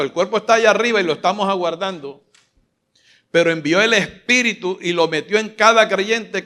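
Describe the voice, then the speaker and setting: A male pastor preaching a live sermon from a church stage. His voice sits a little high, and he is emphatic and rousing. He keeps firing questions at his listeners and urging them to answer louder. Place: church stage before a large congregation. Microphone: filmed from a stage mic.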